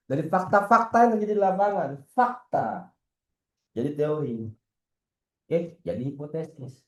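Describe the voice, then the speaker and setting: A man's voice: high voice, roomy sound, lo-fi sound. A man, a football coach talking casually in an internal team meeting, teasing and asking rhetorical questions. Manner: lively, slangy, teasing, asks rhetorical questions.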